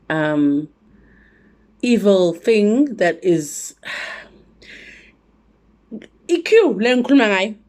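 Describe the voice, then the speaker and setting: A woman from South Africa with a South African accent, telling a travel story in a casual, animated vlog with lots of asides. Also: medium pitch. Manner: animated, chatty, full of asides. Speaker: travel vlogger.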